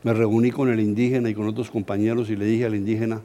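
A middle-aged Colombian man, a pastor, preaching a sermon as an animated, humorous story. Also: lowish voice, fast. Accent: Colombian Spanish.

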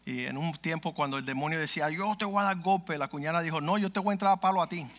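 Male pastor, sermon storyteller; bright, forward tone and high pitch; acts out the dialogue. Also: quick pace. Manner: vivid storyteller acting out dialogue.

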